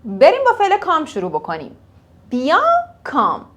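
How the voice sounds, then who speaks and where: A young woman teaching English phrases in a casual lesson, repeating each phrase slowly for learners. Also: sits high, huge pitch swings, a bit bright, a little hiss or hum.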